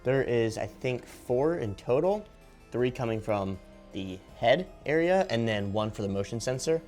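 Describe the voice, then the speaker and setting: A man's voice: mid-range voice, lively intonation, unhurried, a little mellow, faint music behind. A man giving a casual hands-on unboxing and review narration as a video host.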